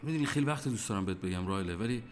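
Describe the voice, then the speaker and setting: An actor playing a tired young man in a radio drama who pleads with his partner and recites poetry slowly. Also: lowish voice, expressive, natural voice. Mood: weary. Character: weary young man desperate to emigrate.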